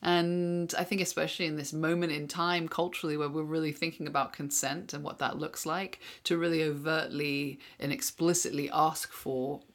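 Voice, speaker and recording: A woman with a low-pitched voice co-hosts a podcast. She speaks in an earnest, reflective way and lays out her thoughts sincerely in a casual conversation. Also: level tone, moderate pace, few pauses. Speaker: podcast co-host.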